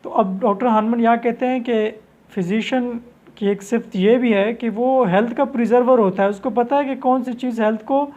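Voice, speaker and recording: A man teaching homeopathy, explaining at length with restarts and slowing down to read passages aloud. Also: extremely high pitch, a little mellow, dull audio. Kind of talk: lecture.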